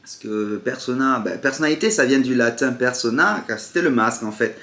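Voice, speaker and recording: A man's voice: medium pitch, brisk, sharp tone. A man with a southern French accent talks in a sarcastic, rambling monologue, his voice sitting in the middle of the usual range. He is recorded in a room with a noticeable echo. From southern France. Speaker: vlogger. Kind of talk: casual monologue to camera.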